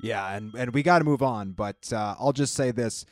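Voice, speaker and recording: Man, sports talk co-host, casual, repeats words when starting a thought, mid pitch, dry close sound. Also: normal speed, no echo.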